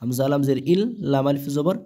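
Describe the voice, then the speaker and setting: A man's voice: mid-range voice, fast, warm tone. A man with a Bangladeshi Bengali accent teaching Quran reading, spelling each syllable aloud and then drawing out the joined word. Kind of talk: slow letter-by-letter recitation lesson.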